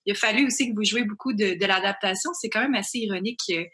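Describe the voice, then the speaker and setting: A woman's voice: mid-range voice, quick pace, fairly bright tone. A woman with a Quebec French accent hosting casually live from an echoey room. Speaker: host.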